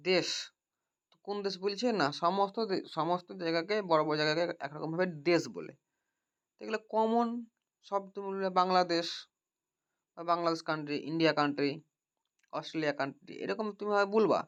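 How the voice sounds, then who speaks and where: Man tutoring grammar with many checking questions, slightly high voice. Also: a little fast, long pauses, a bit bright, smooth. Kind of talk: grammar lesson. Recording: dull lo-fi recording.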